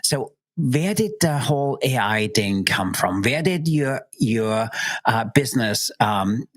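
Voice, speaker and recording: A man's voice: mid-range voice, lively intonation, takes it slowly, no echo. A man hosting a podcast, chatting casually and enthusiastically with his guest. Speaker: host. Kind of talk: podcast interview.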